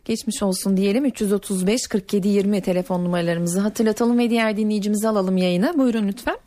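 A woman's voice: mid-range voice, quick pace, mellow. A woman hosting a radio call-in, formally thanking guests and bringing listeners on air. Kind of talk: brisk formal hosting of callers. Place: radio studio.

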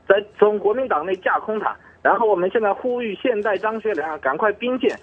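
A man's voice: high-pitched, animated, husky. A man from Shanghai calling in to a talk show and ranting in an agitated way, heard over a crackly phone line. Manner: agitated, rapid-fire ranting. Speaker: caller. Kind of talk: call-in comment.

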